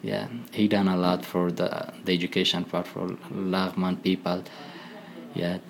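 A man with an Afghan accent, a former commando speaking as a podcast guest in halting English full of pauses and restarts. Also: low voice, flat delivery, creaky. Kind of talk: conversational interview.

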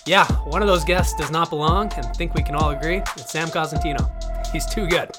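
A man speaks as a podcast host in a somewhat high-set voice. His delivery is scripted and presenterly, with loud music underneath. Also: fairly even intonation, a little fast. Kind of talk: scripted news narration and interview hosting.

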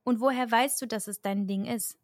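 A woman hosting a podcast interview, asking curious, lively questions in casual conversation. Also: fairly high pitch, moderate pace, no room sound, studio quality. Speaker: podcast host.

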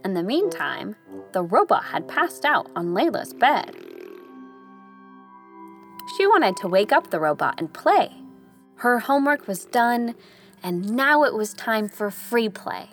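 A woman narrating a children's story in a gentle, expressive way. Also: fairly high pitch, slow pace, pauses often. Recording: narration over background music. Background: music.

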